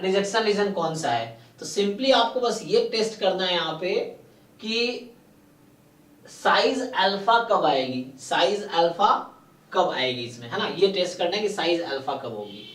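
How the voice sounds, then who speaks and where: A man teaching statistics in a live online exam-prep lecture. He mixes English terms into Hindi and explains slowly and deliberately, often checking with questions to his students. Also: high voice, lively intonation, fairly bright tone. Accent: Indian English terms mixed into Hindi. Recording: roomy and distant from the mic.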